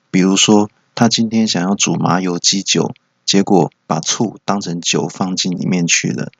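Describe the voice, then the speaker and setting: A man's voice: deep voice, creaky, slightly rough, dry recording. A man hosting a solo comedy podcast, telling playful stories. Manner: playful storytelling. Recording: dull, dry lo-fi home recording.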